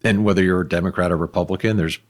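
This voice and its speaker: A man, a town mayor, hosting a podcast and asking relaxed, conversational questions. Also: sits low, racing. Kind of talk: casual podcast interview.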